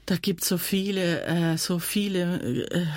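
A woman's voice: lowish voice, takes it slowly, darkish tone, no echo. Woman author telling stories about faith, earnest, dry close sound. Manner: earnest, heartfelt storytelling. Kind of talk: interview answers with storytelling.

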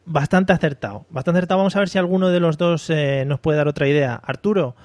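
A man's voice: a little high, quick pace, a little mellow, no echo. A man hosting a casual podcast, introducing his guests with jokes and laughing at his own lines. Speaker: podcast host.

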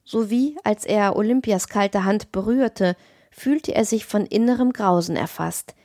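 A woman narrating a classic tale as an audiobook reader, in a measured, expressive reading. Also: mid-range voice, no room sound, clean studio sound.

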